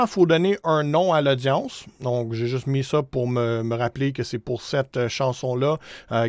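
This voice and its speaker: A man's voice: mid-range voice, darkish tone, no room sound, clean studio sound. A man in his thirties with a Quebec French accent, hosting a casual screen-share tutorial in an informal, hesitant way with English words mixed in. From Canada. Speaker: music promotion tutorial host.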